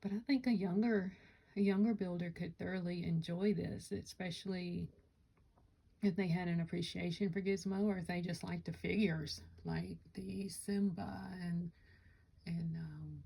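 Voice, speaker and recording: Gravelly, husky woman chatting about builds. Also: fairly low pitch, mellow, rough recording. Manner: rambling, self-correcting, chatty. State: hiccups. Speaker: Lego vlogger. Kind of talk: casual chat to camera. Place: home Lego room.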